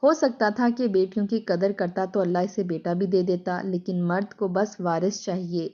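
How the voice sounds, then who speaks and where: A woman's voice: mid-range voice, fairly even intonation, mellow, muffled recording. Woman narrating a sad story. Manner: somber, moralizing.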